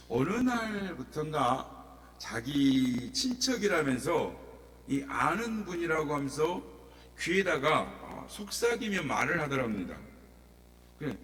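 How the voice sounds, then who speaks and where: A man's voice: a little high, fairly bright tone. A male pastor preaching a sermon in a church and telling stories dramatically, acting out the voices. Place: church sanctuary. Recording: echoey church hall, mic at a distance, faint hum.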